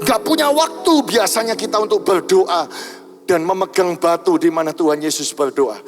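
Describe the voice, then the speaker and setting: A man's voice: high voice, normal speed, music in the background. A man pastor telling a story in a church sermon, often addressing the congregation directly. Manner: storytelling, rising to impassioned shouting. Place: church sanctuary.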